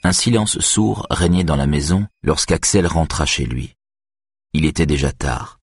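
Deep husky male audiobook narrator. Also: animated, a little slow.

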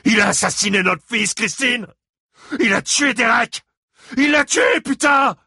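A rough, vengeful father who screams his accusations and insults. The voice climbs high and raw with a husky grain. It sits dry and close in an audiobook read. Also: expressive, a little slow, sharp tone, no room sound, exaggerated voice. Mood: raging shouts. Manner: bellowing threats and insults. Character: enraged grieving father, rough middle-aged man.

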